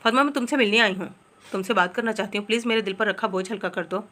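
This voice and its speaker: A woman's voice: mid-range voice, fast, bright, forceful tone, natural voice. A woman voicing a mischievous young woman who teases and pleads. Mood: pleading. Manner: teasing, then pleading.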